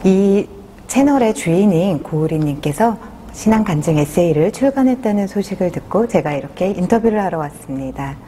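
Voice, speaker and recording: A woman interviewer asks polite, encouraging questions in a mellow, relaxed voice. Faint noise hums under the recording. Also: mid-range voice, moderate pace.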